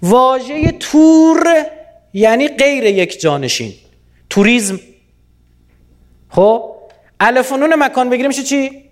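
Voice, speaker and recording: A man from Iran giving a lively public lecture, often quizzing his audience with rhetorical questions. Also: very high voice, long pauses.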